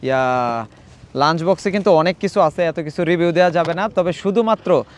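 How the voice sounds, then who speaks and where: A man narrating a casual travel vlog outdoors from a safari vehicle, excited and sometimes hushed while he films wildlife. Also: sits high, brisk. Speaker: travel vlogger.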